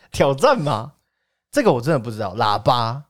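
A man's voice: medium pitch, huge pitch swings, measured pace. A man with a Taiwanese Mandarin accent, co-hosting a casual comedy podcast and laughing often. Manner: playful, laughs often, trails off mid-word. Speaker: podcast co-host.

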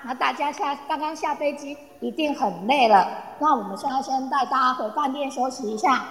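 A woman's high-sitting voice moves briskly as she plays a chatty, eager tour guide in a radio play, patiently coaxing and explaining. The sound echoes around a reverberant room.

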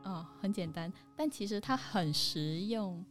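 A woman's voice: medium pitch, expressive, unhurried. A woman from Vietnam speaking in a casual podcast chat. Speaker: podcast panelist. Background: guitar music.

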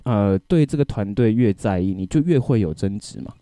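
A man's voice: lowish voice, a little fast, dry recording, studio quality. A man, venting in casual podcast chat, swearing often and checking that his listener follows. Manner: animated venting, swears often, keeps asking if you get it. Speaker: podcast co-host.

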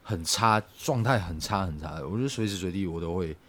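A young man, telling a personal story on a podcast in a halting, reflective way. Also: sits low, expressive, a bit bright. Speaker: podcast co-host. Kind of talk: casual podcast chat.

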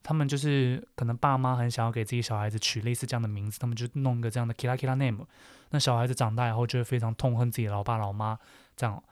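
A man's voice: mid-range voice, fairly even intonation, very fast, darkish tone, no room sound, studio quality. A man chatting casually as a host, thinking aloud with many fillers and restarts. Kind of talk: casual solo chat explaining Japanese names.

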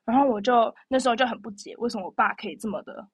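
Young woman, podcast co-host; fast, chatty, animated storyteller, dry studio sound. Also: fairly high pitch, slightly rough, no room sound. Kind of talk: casual chat.

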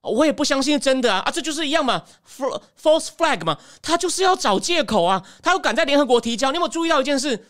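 Fast, high-voiced woman commentator. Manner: animated, emphatic, acts out quotes. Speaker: podcast commentator. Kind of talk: casual political commentary.

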